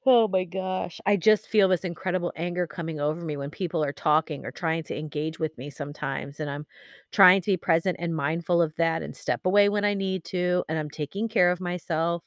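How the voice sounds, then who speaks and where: A woman hosting her own podcast, grieving and speaking candidly in a halting, reflective monologue full of pauses and fillers. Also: fairly low pitch, no room sound, studio quality. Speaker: podcast host.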